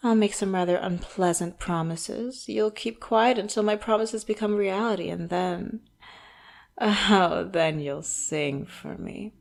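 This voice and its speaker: A gravelly, medium-pitched female voice takes on the role of a coolly menacing villain boss, wealthy, elegant and condescending, questioning the listener in a scripted audio roleplay monologue. Her manner is slow and theatrical, taunting beneath a mock-polite surface, and she sometimes lowers into hushed asides.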